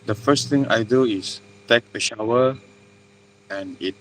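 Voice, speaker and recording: A man's voice: mid-range voice, unhurried, a little hiss or hum, poor audio. Young man from Malaysia, plain answers. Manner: plain, with hesitations and restarts. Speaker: interviewee. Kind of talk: casual interview answers.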